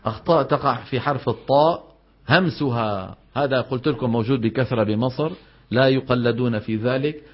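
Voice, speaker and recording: A man's voice: medium pitch, a little fast. A man teaching Quran recitation in a classroom lesson, acting out right and wrong pronunciations and quizzing his students. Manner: demonstrates correct and faulty pronunciations, quizzes students. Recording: dull lo-fi lecture recording.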